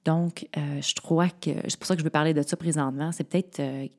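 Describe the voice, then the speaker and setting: A Québécois woman with a notably low, dark voice chats casually as a co-host, sharing stories from her own family life. She talks with frequent fillers and small pauses as she works out her thoughts. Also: steady tone. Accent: Québécois French. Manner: shares personal family anecdotes with many fillers. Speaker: podcast co-host and mother. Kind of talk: casual chat.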